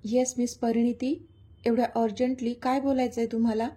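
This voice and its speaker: A lovestruck, teasing young hero from a romance storybook, read by a woman narrator. His lines come soft, slow and tender. The voice sits fairly high, with a warm, breathy tone. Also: level tone.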